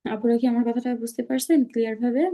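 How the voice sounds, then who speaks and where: A woman's voice: a little high, fairly even intonation, very fast, mellow. A woman teaching Quran recitation in an online class. She explains patiently and keeps checking that her students understand.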